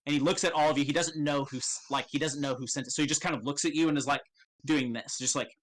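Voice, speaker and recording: Bright-voiced man running a tabletop game. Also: a little high, steady tone. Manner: casual, halting, swears freely. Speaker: game master. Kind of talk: improvised tabletop game narration.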